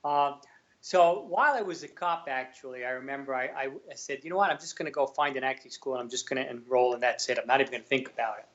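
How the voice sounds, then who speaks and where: A man's voice: mid-range voice, quick pace, fairly bright tone. A middle-aged man with a Brooklyn accent, telling colloquial anecdotes casually and acting out bits of quoted dialogue. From Brooklyn, New York. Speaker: podcast guest, actor and former police officer. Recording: roomy, slightly dull remote audio.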